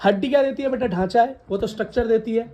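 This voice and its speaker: A woman science teacher with a slightly high, warm voice runs a quick-paced classroom lesson, asking questions and having her students echo the answers back. She repeats each question for the class to chant, calls the students "beta," and scolds those who laugh.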